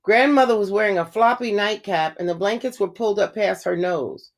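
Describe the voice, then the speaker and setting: Woman, children's storyteller, clear, measured, expressive read-aloud, mid pitch.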